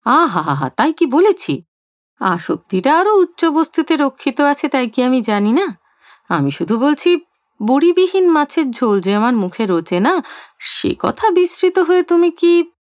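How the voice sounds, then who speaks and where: A teasing older husband, as a woman narrator puts him on, full of playful, mock-innocent banter. The voice sits fairly high and swings lively up and down. It is heard dry and close, like an audio storybook. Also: unhurried, no echo.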